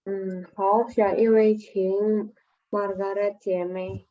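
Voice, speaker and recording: A woman's voice: medium pitch, extremely slow, lo-fi sound, a little hiss or hum. A woman moderating an online class, formally calling up each next reader in turn. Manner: even, formal announcing. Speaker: session moderator. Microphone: video call.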